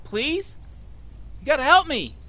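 A man's voice: a little high, very animated, normal speed, fairly bright tone. A man playing a bewildered cowboy in an audio drama, flustered and strained as if hanging upside down. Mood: desperate pleading.

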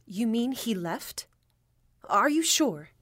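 A woman's voice: a little high, sing-song, slow, fairly bright tone, no echo, clean studio sound, full character voice. A woman playing a sensible, concerned space traveler in an audio drama, with earnest delivery. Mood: worried.

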